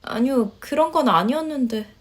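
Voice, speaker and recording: A polite young wife played by a woman in a narrated story, speaking quietly in a high voice. She sounds hesitant and careful, softening every reply. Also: expressive, normal speed. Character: young Korean wife, polite and soft-spoken. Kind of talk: storytelling voice acting.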